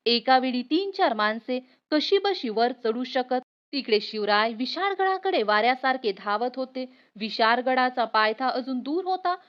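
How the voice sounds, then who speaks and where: A woman teacher reading a history lesson aloud for students, telling it expressively and speaking to viewers directly. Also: high-pitched. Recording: muffled lo-fi recording.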